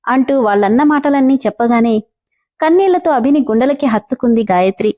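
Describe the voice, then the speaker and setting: A woman storyteller reads a serialized story aloud with a mellow, warm tone. Her voice sits a little high and her narration stays steady and calm. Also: a little fast.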